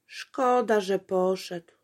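A woman's voice: medium pitch, steady tone, slow pace, a little mellow, lightly acted. A woman voicing a fussy little princess who frets and exclaims breathlessly. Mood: worried. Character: fussy little princess girl, easily worried.

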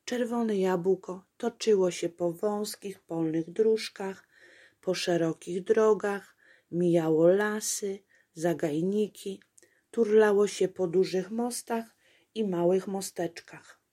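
A woman reading a children's fairy tale aloud in a gentle storytelling cadence. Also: mid-range voice, slow pace.

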